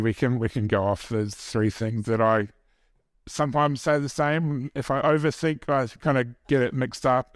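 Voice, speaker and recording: A mid-range male voice with a New Zealand accent comes through a dry, studio-quality recording. He's giving a relaxed church sermon, making jokes about himself and tossing chatty comments to the congregation.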